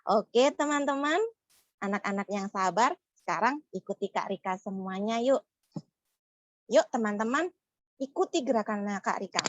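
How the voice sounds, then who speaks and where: A young woman telling stories to young schoolchildren, slow, animated and coaxing. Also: mid-range voice, no echo. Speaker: children's storyteller. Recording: slightly muffled, dry sound.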